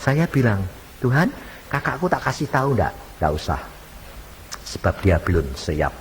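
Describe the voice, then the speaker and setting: In a sermon built on stories, a male evangelist performs the conversations himself, changing voices for each part. His pitch is medium, his delivery very animated and moderately paced, and the old MP3 has hall echo and slight hiss.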